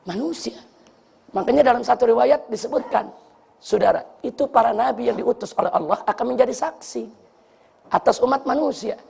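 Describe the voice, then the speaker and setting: Male preacher, very high-pitched with a gravelly edge, emphatic sermon delivery, keeps quizzing the congregation. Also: brisk, darkish tone, big-room sound. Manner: emphatic, poses rhetorical questions to the congregation; acts out quoted complaints in character.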